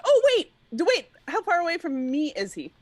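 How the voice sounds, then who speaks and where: A woman playing a tabletop game, bouncy and excitable. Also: high voice, no echo, rough recording. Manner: bouncy, excitable, quick to laugh. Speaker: player. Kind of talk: casual tabletop play.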